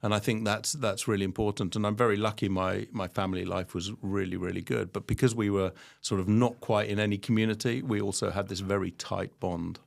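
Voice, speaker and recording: Low-voiced man, reflective. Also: fairly even intonation, brisk, creaky, hardly any pauses. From London, England. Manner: reflective, with frequent ums and restarts. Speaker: guest. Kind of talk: conversational interview.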